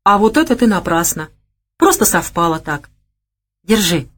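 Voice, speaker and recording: A woman voicing a boastful, quick-tempered gangster man in an audiobook. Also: fairly low pitch, very animated. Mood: gruff. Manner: gruff, boastful, blustering.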